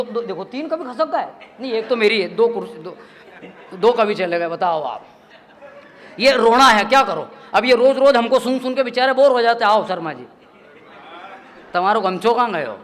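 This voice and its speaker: With a high, fairly bright voice, a man works the stage at a live poetry gathering as a comedic poet. Into a stage microphone he tells chatty stories that poke fun at himself, impersonates the people in them, and laughs often throughout the funny banter.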